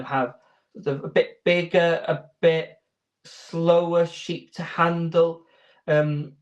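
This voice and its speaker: A man giving informal interview answers as a sheepdog handler, explaining in a hesitant, rambling way. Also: on the high side.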